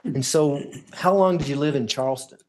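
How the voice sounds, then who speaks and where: A man's voice: a little high, normal speed, darkish tone. Man lawyer in courtroom questioning. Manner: formal, step-by-step questions.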